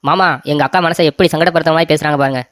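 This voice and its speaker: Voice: medium pitch, fairly even intonation, very fast, no room sound, studio quality, close to an everyday voice. A voice actor doing a greedy, wheedling young brother-in-law. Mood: whining. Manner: wheedling and demanding.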